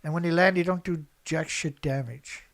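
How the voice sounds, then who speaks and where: A man speaking at moderate pace in a fairly high voice hosts unscripted online news commentary. He reads headlines and responds with blunt, emphatic, colloquial opinions, repeating himself a great deal.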